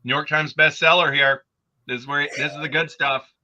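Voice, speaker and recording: A man in his fifties, a podcast co-host, spinning animated, joking story ideas in casual panel chat. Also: a little high, moderate pace. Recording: dull lo-fi audio.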